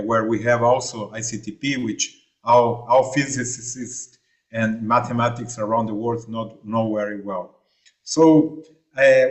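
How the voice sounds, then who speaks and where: A man originally from Argentina, giving a seminar talk remotely over a video call, with many fillers and restarts. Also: mid-range voice. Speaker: invited remote speaker.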